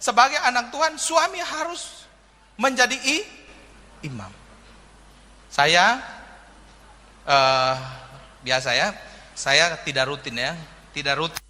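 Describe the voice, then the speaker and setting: Bright-voiced pastor preaching in a hall. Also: male voice, mid-range voice. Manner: humorous, storytelling preaching that addresses the congregation directly. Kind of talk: sermon. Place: church sanctuary. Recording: reverberant hall with faint noise.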